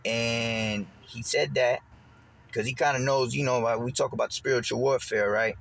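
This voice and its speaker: A man's voice: medium pitch, normal speed, creaky. Rambling man telling a story casually. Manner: rambling, repeats words and restarts, animated when quoting. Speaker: vlogger.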